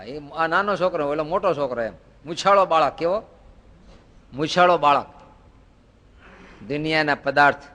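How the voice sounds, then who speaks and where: Guy preaching, keeps asking the crowd questions, slightly high voice, long hall echo. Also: fairly bright tone. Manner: rhetorical questions and folksy anecdotes. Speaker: spiritual teacher. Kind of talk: devotional sermon.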